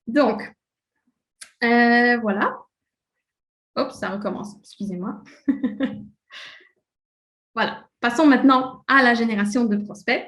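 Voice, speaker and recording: A woman's voice: a little high, slow pace, pauses often, a bit bright. Chatty Swiss-French woman presenting in an echoey room. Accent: French-speaking Swiss, speaking in a French way. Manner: casual and chatty, many fillers, laughs at slips. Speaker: presenter of a software webinar. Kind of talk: live webinar presentation.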